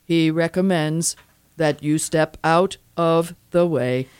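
An actor playing a male robot lieutenant who talks in a precise, mechanical monotone. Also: fairly high pitch, takes it slowly, clear, resonant tone, no echo. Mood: flat.

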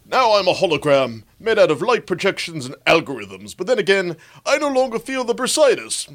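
An actor playing a pompous, chuckling old admiral who is now a hologram, with an old-fashioned upper-class manner. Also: male voice, high voice, big pitch swings, a little fast, fairly bright tone. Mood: jovial.

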